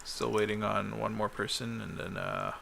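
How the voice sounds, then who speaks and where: A man running a tabletop game as game master, recapping the last session in a halting way, full of ums and uhs. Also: lowish voice, big pitch swings, creaky, sharp tone, slight background noise.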